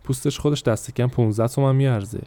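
A man's voice: mid-range voice, fairly even intonation, dark tone, dry recording, natural voice. A man voicing a burly, brash male driver type in a spoken story, speaking emphatically.

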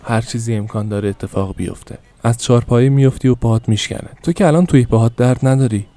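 A man voicing a gentle, persuasive young shopkeeper in an audiobook, soothing and coaxing as he sells. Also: mid-range voice, no echo, close to an everyday voice. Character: gentle persuasive young male shop salesman.

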